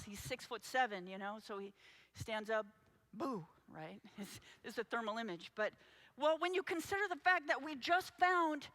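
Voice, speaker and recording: High, bright-voiced woman giving an urgent talk. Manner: urgent, addresses the audience directly. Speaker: anti-trafficking advocate. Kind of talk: impassioned conference talk.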